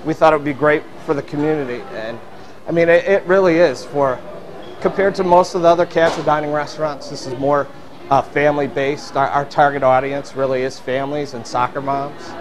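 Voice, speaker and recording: A man's voice: a little high, steady tone, brisk. A middle-aged man, a restaurant owner, answering interview questions with many fillers and restarts, seated in a busy dining room. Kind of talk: on-camera interview. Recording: restaurant crowd noise behind. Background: diners chattering.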